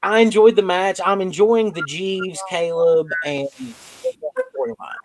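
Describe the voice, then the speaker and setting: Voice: medium pitch, very animated, takes it slowly, creaky, dry recording, poor audio. A podcast host recapping wrestling shows in casual, rambling talk full of fillers.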